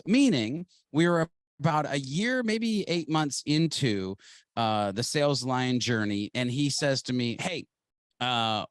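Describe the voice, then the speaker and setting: An enthusiastic man from Ohio, a guest on an interview show, recounting his career in a quick, animated storytelling flow. His voice sits at an ordinary middle pitch for a man. The recording is close and dry, with no room sound. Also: no echo. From Ohio, United States. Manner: animated, fast-moving storyteller. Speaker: podcast guest.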